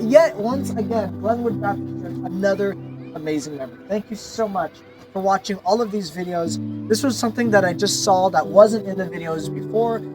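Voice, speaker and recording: Choked-up, stammering man vlogging. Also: high voice. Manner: excited, stammering, repeats himself. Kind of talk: casual vlog chat.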